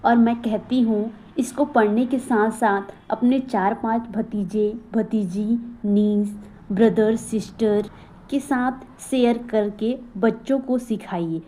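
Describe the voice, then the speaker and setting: A woman's voice: fairly high pitch, fairly even intonation, warm tone, rough recording. A woman teaching an English phonics lesson, asking questions and answering them herself, with encouraging asides. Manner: slow, drilling questions and repeating answers; breaks into recited motivational verse.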